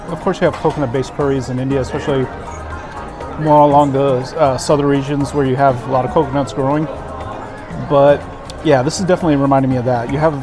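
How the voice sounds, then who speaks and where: A man giving a casual food review to camera, savoring what he eats with delighted approval. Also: medium pitch. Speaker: food vlogger. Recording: background music and crowd chatter.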